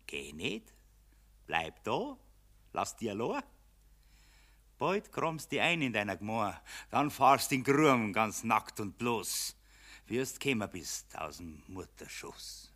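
A man's voice: on the low side, big pitch swings, slow pace, exaggerated voice. A man playing a bossy, mocking spirit of Money in a Bavarian dialect verse play, taunting and theatrical. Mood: gloating menace. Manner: taunting, theatrical, swooping from shouts to hushed menace.

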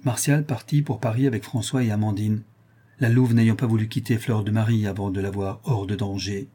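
A man narrating a classic novel in a measured, steady way. His voice is dark and mellow, with a husky edge. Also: fairly low pitch. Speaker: audiobook narrator.

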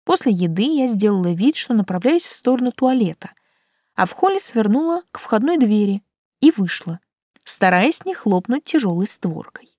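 A woman narrates a first-person audiobook with an animated, sweeping pitch. The reading is expressive, recorded close and dry with no room sound. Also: normal speed, no room sound.

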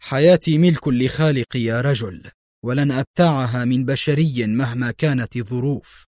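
A man's voice: on the high side, brisk, no echo, clean studio sound, close to an everyday voice. A man voicing Adham, a cool mocking hero. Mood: calm scorn. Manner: calm and sarcastic. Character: cool, mocking male hero facing captors.

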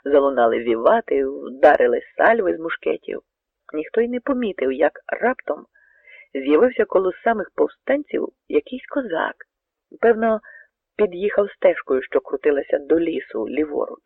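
A man narrating a dramatic story, swinging between hushed passages and emphatic lines. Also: a little high, expressive, normal speed, vocal fry, slightly rough, no echo. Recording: narrow tinny radio recording, dry.

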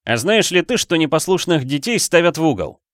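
A man voicing an anguished, guilt-ridden young man who is quick to fly into a rage, raised well above his own voice. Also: on the high side, sing-song, dry recording, studio quality, pitched above the performer's own voice. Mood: furious. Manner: tense, shouting outbursts. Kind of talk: audiobook character voice.

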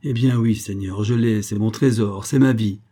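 A man's voice: on the low side, steady tone, normal speed, dark tone, lightly acted. A man voicing an old, obsessive male bookseller, jealous and anxious, in a pleading, strained voice raised above his narrating tone. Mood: clinging.

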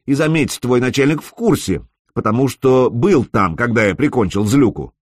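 A man's voice: medium pitch, animated, normal speed, slightly rough, no echo, clean studio sound. A man voicing a brash young male warrior who mocks and commands his foes. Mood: taunting. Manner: taunting, proclaiming, loud.

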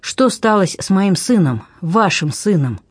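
A man's voice: high voice, expressive, unhurried, slightly rough, no echo, studio quality, full character voice. A man reading an audiobook, voicing a bitter sea captain who pleads his case earnestly and insistently. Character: bitter middle-aged male sea captain.

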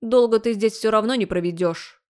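A woman's voice: on the high side, normal speed, darkish tone, natural voice. A woman voicing a domineering, indignant middle-aged woman in an audiobook. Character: loud bossy overbearing middle-aged woman. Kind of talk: audiobook character voice.

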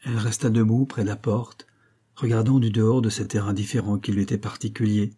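Dark, husky male audiobook narrator. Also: lowish voice, little pitch movement, brisk. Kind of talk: scripted narration.

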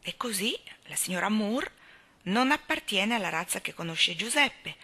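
A teasing, matter-of-fact young husband, as a woman reads him. The voice is low and slightly gravelly. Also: steady tone, fairly quick, bright, forceful tone, exaggerated voice. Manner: teasing, judging.

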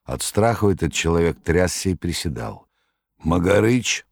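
A man narrating an audiobook in a measured storytelling manner. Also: very deep voice, darkish tone, no room sound, clean studio sound.

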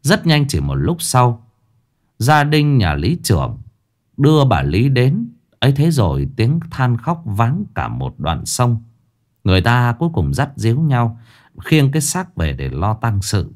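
A man narrating a ghost story in a lively, dramatic way. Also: mid-range voice, a little slow.

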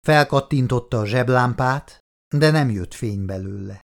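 A man reading an audiobook in a steady, dramatic storytelling manner. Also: mid-range voice, creaky. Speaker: audiobook narrator. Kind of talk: scripted audiobook narration.

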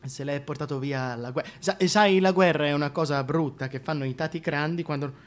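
In a theatrical radio monologue, an actor with a fairly high voice plays a scheming, sadistic dictator king, speaking briskly and with light acting. Crude, mocking and brooding, he addresses the listener directly in a tone of false comfort.

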